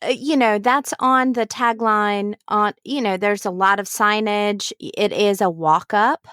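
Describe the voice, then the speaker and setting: A woman's voice: medium pitch, fairly even intonation, unhurried, a bit bright, smooth, dry recording. Woman podcast host, close dry sound. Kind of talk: scripted introduction, then casual interview chat. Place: clothes closet.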